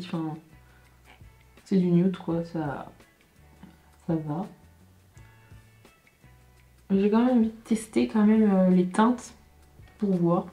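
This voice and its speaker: A young woman chatting casually through a makeup tutorial, thinking aloud with many hesitations and self-corrections, often dropping into quiet asides. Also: medium pitch. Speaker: beauty vlogger. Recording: roomy echo with faint background music.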